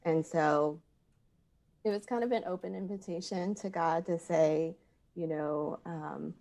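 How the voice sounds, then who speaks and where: A woman in her thirties who grew up in Thailand, a podcast guest speaking earnestly with many pauses. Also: lowish voice, creaky, warm tone. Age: 30s. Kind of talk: podcast interview.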